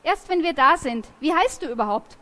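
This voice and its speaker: A woman reading aloud from a storybook, voicing a defiant, quick-tongued teenage girl. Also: high voice, lively intonation, a bit bright, pitched above the performer's own voice.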